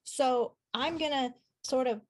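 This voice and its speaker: High-voiced playful woman player. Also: unhurried. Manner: playful and jokey. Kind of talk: playing a tabletop game.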